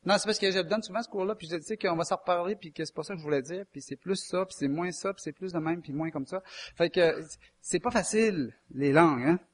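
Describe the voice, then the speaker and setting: Speaking high and quickly, a man from Quebec with a Québécois French accent delivers a chatty, folksy sermon. He keeps it conversational, quizzing his listeners as he goes.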